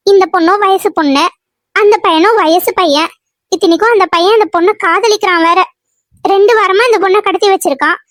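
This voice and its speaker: A woman's voice: very high-pitched, dry recording. A woman doing a gossiping, blunt village aunt. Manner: insistent, gossipy. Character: gossiping, scolding aunt, middle-aged woman.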